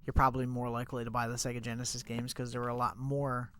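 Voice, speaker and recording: Young male streamer, stuffy-nosed, chatty, mid pitch, faint noise. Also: level tone, fast, a bit bright. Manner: chatty, rambling, many fillers like "like" and "you know". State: stuffed up, congested. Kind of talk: casual live-stream chat while gaming.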